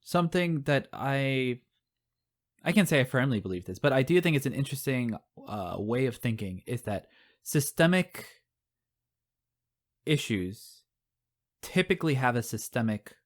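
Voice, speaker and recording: An American man co-hosting a casual podcast, reasoning through an idea with hedges, fillers and hypotheticals. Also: mid-range voice. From United States. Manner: thinks aloud with hedges and fillers. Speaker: podcast co-host.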